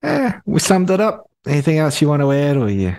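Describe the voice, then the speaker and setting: A man hosting a film review podcast in loose banter, needling his co-host and swearing dryly. His voice swings widely in pitch. He reads online reviews aloud between jokes. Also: wildly swooping pitch, brisk, vocal fry, darkish tone, no echo. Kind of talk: casual banter.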